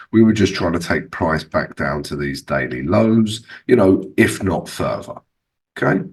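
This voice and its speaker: A man's voice: sits low, distant mic. A man with a sore, swollen-sounding throat hosting a casual trading tutorial, talking viewers through charts in a conversational way with frequent checking tags. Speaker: trading channel host and analyst.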